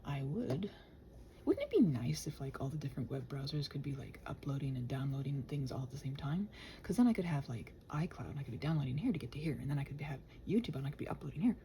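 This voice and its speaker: Speaking quickly and with great animation, this woman has a very deep, mellow voice, and a little hiss or hum can be heard. She creates ASMR and audio content and chats casually to listeners for body doubling, muttering, slipping into whispers, and making playful, sarcastic comments.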